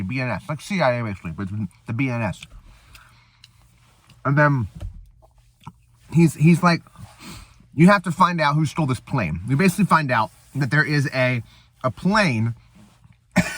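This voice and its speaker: A man's voice: mid-range voice, fairly bright tone, dry recording. A man hosting a casual eating show, rambling and laughing as he retells a movie between bites. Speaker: host. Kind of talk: casual chat.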